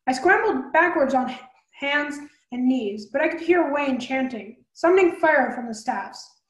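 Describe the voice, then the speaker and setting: Lady reading a book out loud, high voice, kinda echoey room, trips on words sometimes. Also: animated. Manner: brisk with small slips and restarts. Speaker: storyteller. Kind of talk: reading a novel aloud.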